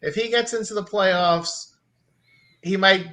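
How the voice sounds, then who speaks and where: Casting: man with a high, bright voice, blunt animated sports storyteller. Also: slow. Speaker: sports talk show regular. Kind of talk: casual sports chat.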